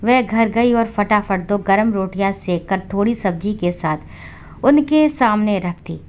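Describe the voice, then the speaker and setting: A woman storyteller reading a scripted family story in a steady, even way. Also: mid-range voice, measured pace.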